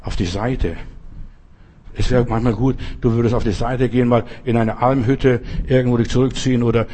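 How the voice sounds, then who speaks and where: A man's voice: medium pitch, fairly even intonation, moderate pace, warm tone, a little hiss or hum. A man preaching a sermon, addressing listeners directly with many pointed rhetorical questions.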